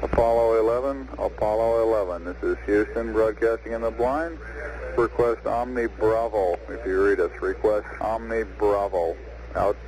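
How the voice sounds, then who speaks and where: A man's voice: fairly low pitch, fairly even intonation, normal speed, darkish tone. A man working as a mission control communicator, making clipped, procedural radio calls over a 1960s radio link. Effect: radio transmission. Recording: noisy 1960s space mission radio loop.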